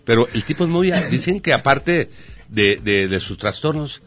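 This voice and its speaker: A man's voice: mid-range voice, animated, moderate pace, a bit bright. A man speaking as a guest on a radio talk show, earnest and repeating his points. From Mexico. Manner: earnest, repetitive.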